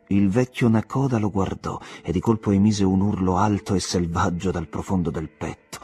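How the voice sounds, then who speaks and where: Male audiobook narrator, deep and warm-toned, measured literary reading. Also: gravelly, slightly rough. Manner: measured, expressive storytelling. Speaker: audiobook reader.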